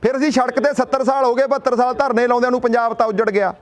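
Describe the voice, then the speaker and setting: High-voiced man giving a rousing speech. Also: fairly even intonation, very fast. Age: young adult. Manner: asks and answers his own rhetorical questions. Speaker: speaker addressing a gathering. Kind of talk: rousing public speech with a folk tale.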